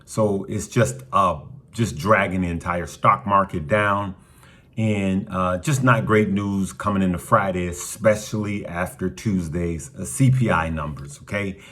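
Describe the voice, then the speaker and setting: A man hosting a casual stock market update for his viewers, talking in a relaxed, conversational way with frequent ums and uhs, his voice still rough from the morning. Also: deep voice, unhurried. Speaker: stock market channel host.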